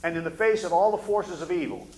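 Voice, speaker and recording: An older man preaching a fervent sermon from a church pulpit, often sinking to low, intense tones between amens. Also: quick pace, darkish tone. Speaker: pastor. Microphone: pulpit mic. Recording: echoey sanctuary.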